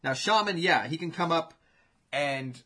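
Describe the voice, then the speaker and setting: A man hosting a casual chat, telling imagined fight matchups in an animated, swearing play-by-play. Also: fairly high pitch, measured pace.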